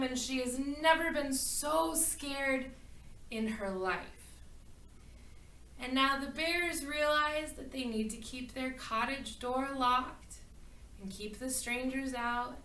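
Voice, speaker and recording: A woman telling a fairy tale as a speech, expressive with dramatic pauses. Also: high-pitched. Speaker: speaker telling a story. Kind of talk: storytelling speech. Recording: echoey room, far from mic.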